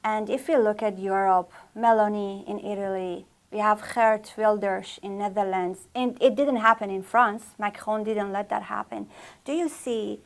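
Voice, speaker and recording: A woman interviewer putting formal questions in deliberate, halting phrases. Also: medium pitch, fairly even intonation, vocal fry.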